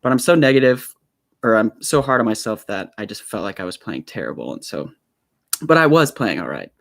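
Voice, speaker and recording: A man's voice: lowish voice, very animated, fairly quick, creaky, a bit bright, no echo. A young man hosting his own live stream from a home room studio on a small desk microphone, telling a story in a nervous, rambling way with many fillers and restarts.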